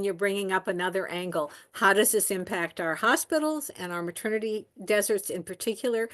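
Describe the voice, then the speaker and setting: A woman presenting health policy in a webinar, answering questions with frequent ums and restarts. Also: medium pitch. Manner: rambling, many ums and restarts.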